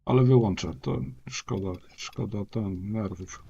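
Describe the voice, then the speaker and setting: A man's voice: fairly low pitch, a little slow, vocal fry, warm tone, slight background noise. A middle-aged man streaming a retro game, grumbling and muttering to himself in casual commentary. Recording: dull lo-fi stream mic.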